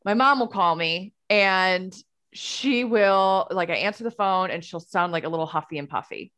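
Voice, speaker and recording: A woman's voice: on the low side, normal speed, fairly bright tone. A woman podcast host and life coach talking through an idea in a casual monologue, often checking in with "okay?" and "right?". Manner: explanatory, frequent "okay?" and "right?" check-ins.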